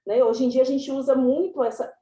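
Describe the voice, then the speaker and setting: A woman presents a class online, chatty and explanatory. Her voice sits fairly high with a mellow, soft tone. The video call picks up a roomy echo. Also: steady tone, fairly quick. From São Paulo, Brazil. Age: 30s.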